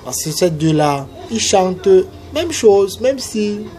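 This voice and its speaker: A man delivering a casual, emphatic advice monologue, repeating his points and jumping up in pitch when he urges his listeners on. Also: very animated, slow, dark tone. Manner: emphatic and repetitive, preachy. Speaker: vlogger giving love advice.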